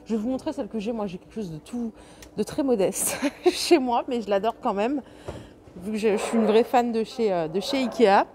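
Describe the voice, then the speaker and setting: A woman whose voice runs on the high side speaks at normal speed during a casual vlog walkthrough of a large furniture store, with background noise and faint store ambience. Chatty and enthusiastic, she lists prices and sizes as she goes.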